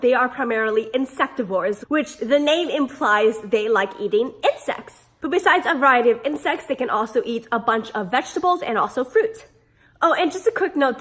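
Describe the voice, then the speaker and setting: Female pet-care vlogger, high register, hoarse smoker's rasp from being sick, casual and playful. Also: fairly bright tone. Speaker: pet care video host. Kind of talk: casual instructional vlog.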